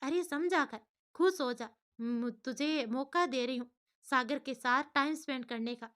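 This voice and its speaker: A woman's voice: high-pitched, unhurried, fairly bright tone. A woman voicing a cheeky, playful young woman who teases her best friend in a bubbly way. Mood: teasing. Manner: teasing, bubbly.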